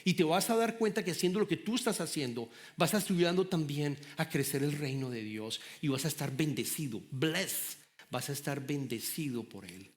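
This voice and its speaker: A man's voice: a little high, expressive, normal speed. A middle-aged man preaching a sermon with passion, repeating and restarting words. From Latin America. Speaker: pastor.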